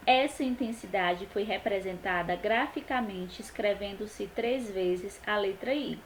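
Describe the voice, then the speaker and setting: Teacher, woman, fairly high voice, slow deliberate stress on example words, faint room hum. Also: low-quality recording. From Brazil. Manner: stresses words slowly for students. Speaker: Portuguese teacher. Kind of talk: recorded online class.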